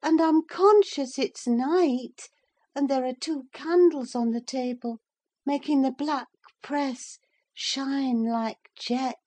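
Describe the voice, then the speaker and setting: A woman's voice: sits high, slow pace, warm tone, voice pushed up. A woman voicing a delirious, frightened young married woman in an audiobook of a classic novel, fretful, pleading and prone to gasping exclamations. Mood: feverish, wandering.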